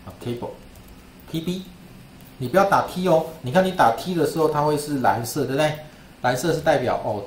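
A medium-pitched male lecturer teaches statistics in a screen-share classroom lesson; the room sounds roomy, with slight background noise. He talks in a chatty, repetitive way, asking "right?" often.

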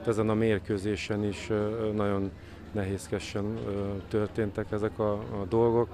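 A man in his forties, a football coach, speaking haltingly in a post-match interview. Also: fairly low pitch, level tone. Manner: halting, searching for words. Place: outdoors by athletics track. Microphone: handheld interview microphone. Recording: outdoor interview, crowd noise behind.

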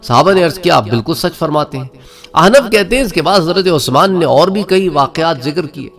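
A man's voice: on the high side, expressive, vocal fry, a bit bright. A man giving an Islamic history lecture, telling the story with quoted speech and recited verses. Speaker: religious lecturer.

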